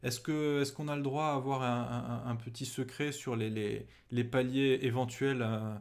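A man hosts an interview in a casual, chatty way. He often stumbles and restarts his sentences. He asks questions at a steady middle pitch. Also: moderate pace. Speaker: interviewer, game master.

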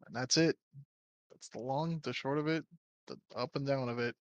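A man's voice: medium pitch, moderate pace, no room sound, muffled recording. A man co-hosting a casual podcast, talking bluntly and swearing freely. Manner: blunt, swears when annoyed. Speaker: podcast co-host. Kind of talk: casual chat.

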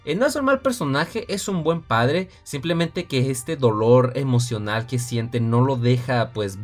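A man with a Mexican accent hosting a casual film review podcast, talking chattily and often addressing his listeners directly. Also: mid-range voice. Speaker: podcast host.

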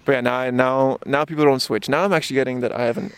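Quick-paced with vocal fry, his medium-pitched voice has a clean tone. The twenty-something interview guest, born in Japan and raised in Luxembourg and Barcelona, chats casually in a park, restarting often and using many fillers.

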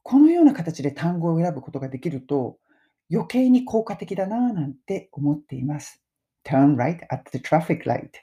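A middle-aged woman hosting a casual spoken lesson, chatting and slowly modelling English phrases for listeners to repeat. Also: lowish voice, warm tone. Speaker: English pronunciation teacher and podcast host.

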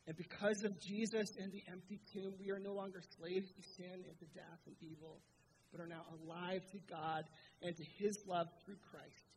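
A man's voice: high voice, slight background noise. Earnest pastor man in a reverberant church. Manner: earnest, rising and falling emphasis. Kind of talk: sermon prayer. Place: church sanctuary.

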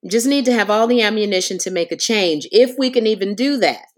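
A woman's voice: mid-range voice, a little fast, natural voice. A woman playing an unflappable, officious airline agent with a polished customer service voice in a comedic phone drama. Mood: procedural, unruffled.

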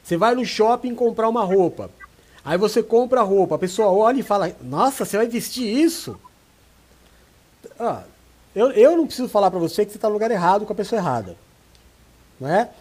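A man's voice: sits high, quick pace. A man, a pastor, giving relationship advice in a casual chat and acting out the people he quotes. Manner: animated, acts out quoted voices. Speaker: pastor and co-host.

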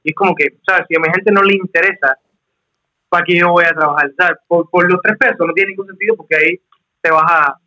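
A man's voice: high-pitched, brisk, sharp tone, poor audio. A Cuban man speaking as a guest in a casual chat, explaining his points in a conversational way. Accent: Cuban Spanish. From Cuba. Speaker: YouTuber guest.

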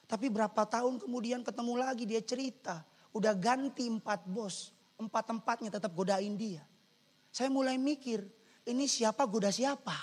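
A man preaching as a pastor, animated and joking, swinging from quiet asides to loud shouts. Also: sits high. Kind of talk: sermon. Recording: long church-hall reverb.

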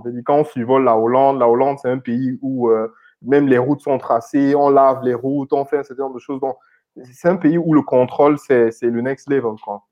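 A man from Cameroon, in his thirties, speaks at an ordinary middle pitch. He talks in a loose, hesitant way, full of fillers and restarts, as an interview guest. The audio sounds slightly dull and lo-fi. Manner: hesitant, many repeated words and fillers. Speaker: guest, IT consultant and founder. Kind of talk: casual interview conversation.

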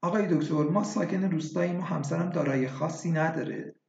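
A woman's voice: low voice, gravelly, a little mellow. A man reading aloud voices a desperate, tearful village wife who pleads with a doctor. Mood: guarded. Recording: echoey, dull lo-fi recording.

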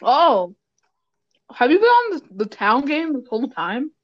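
A man bantering with a gaming friend, teasing and telling deadpan joke stories. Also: very high voice, unhurried. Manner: teasing, storytelling, deadpan jokes. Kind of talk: casual banter. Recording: dull lo-fi sound.

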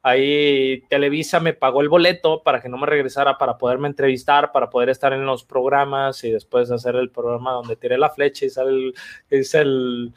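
A middle-aged man with a Mexican accent, an athlete guest retelling his career in a casual, slangy, animated way. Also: mid-range voice, fairly quick. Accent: Mexican Spanish. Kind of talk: casual interview storytelling.

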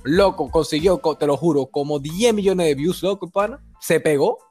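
A young man with a Dominican accent chatting casually, telling stories in an excitable, slangy way. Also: fairly high pitch, normal speed, breathy edge, faint music behind. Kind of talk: casual chat.

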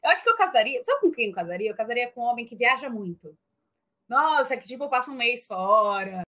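Brazilian woman, co-host, casual chat, slightly high voice, animated storyteller. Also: fairly quick. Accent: Brazilian Portuguese. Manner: lively storyteller, laughs often.

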